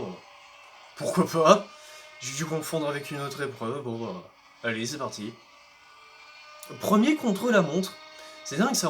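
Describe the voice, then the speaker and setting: Playful gamer, slow drawl. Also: male voice. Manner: playful, excitable, talks to rival drivers, bursts of high yelps. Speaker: gaming YouTuber. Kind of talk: let's play commentary. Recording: faint game music behind.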